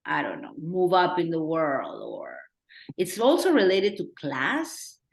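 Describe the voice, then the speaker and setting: A middle-aged woman from Peru with a Peruvian accent, talking earnestly as a director in a Q&A and thinking out loud with restarts. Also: low voice, wildly swooping pitch, unhurried, vocal fry. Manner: earnest, thinking aloud with restarts and acted-out quotes. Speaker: documentary director. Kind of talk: Q&A discussion. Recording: roomy echo.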